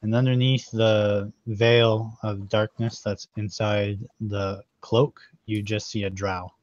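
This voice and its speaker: Give me a halting game master man with a low voice and a muffled, dry recording. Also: flat delivery. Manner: halting, with many fillers. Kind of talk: narrating a tabletop game.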